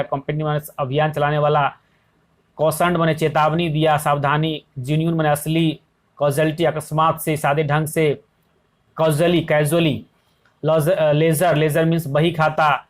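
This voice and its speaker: धीमे बोलने वाला अंग्रेज़ी शिक्षक पुरुष. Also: male voice, a little high. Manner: reads English phrases slowly, explains in Hindi. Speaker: English teacher. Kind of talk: exam-prep lesson explanation.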